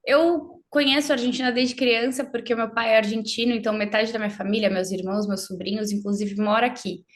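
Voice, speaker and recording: A woman from Brazil speaks in her voice. She is a guest in an interview and lays out her points fluently and emphatically, with confidence. Her voice sits a little high. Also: steady tone, brisk, hardly any pauses. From southern Brazil. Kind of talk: explanatory interview talk.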